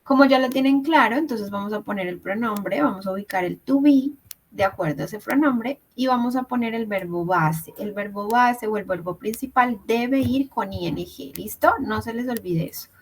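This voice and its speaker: A woman's voice: a little high, moderate pace, slightly rough, poor audio. A woman teaching English grammar in an online class, explaining step by step and checking in with her students. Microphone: video call.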